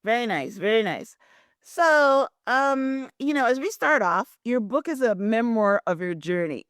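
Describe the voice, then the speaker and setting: A woman's voice: a little high, expressive, measured pace, a bit bright, smooth, dry recording, clean studio sound. A woman from Guyana hosting a podcast interview, chatty and affirming, with many "very nice" replies. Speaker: podcast host. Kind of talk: podcast interview with reading of a synopsis.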